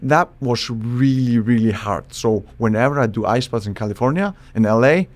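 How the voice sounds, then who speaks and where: A man from Iceland, a psychologist guest on a podcast, explaining in a thoughtful, halting way with frequent restarts. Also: medium pitch. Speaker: psychologist and charisma expert guest. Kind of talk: casual podcast interview.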